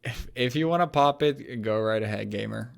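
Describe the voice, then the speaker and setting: A man in his late twenties hosting a casual card game video, joking and rambling as he talks, and going hoarse as he loses his voice. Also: medium pitch, normal speed. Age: 20s. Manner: joking, rambling, laughs often. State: losing his voice. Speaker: host. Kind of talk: casual gaming commentary.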